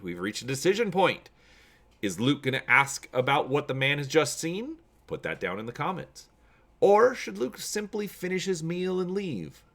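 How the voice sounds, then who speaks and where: A man with a mid-range, slightly bright voice hosts a channel about tabletop gaming. After an easygoing intro to viewers, he narrates an adventure story aloud with dramatic flair.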